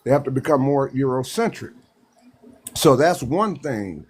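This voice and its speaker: This panel speaker, a Texan, talks in an animated mid-range voice with a breathy edge. In the live discussion he's emphatic and repetitive, stopping and restarting as he makes his case.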